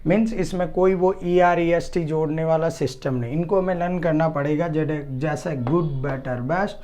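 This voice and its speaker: A man teaching a grammar lesson, spelling out and repeating word forms in a deliberate, dictation-like way. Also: fairly high pitch, steady tone, darkish tone. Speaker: English teacher. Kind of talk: grammar lesson, switching between English and Hindi.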